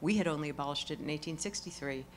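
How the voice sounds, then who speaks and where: Honoree, middle-aged woman, lower register, exuberant and salty, live event with faint hiss. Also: fast talker. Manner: exuberant, swings from quiet to loud exclamations, laughs often. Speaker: award honoree speaking onstage. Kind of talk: lively onstage conversation with profanity.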